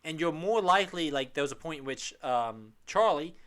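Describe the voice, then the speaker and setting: A man's voice: on the high side, expressive, normal speed, a bit bright, clear, resonant tone. A man co-hosting a podcast, chatting casually and animatedly retelling game scenes with laughter. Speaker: podcast co-host.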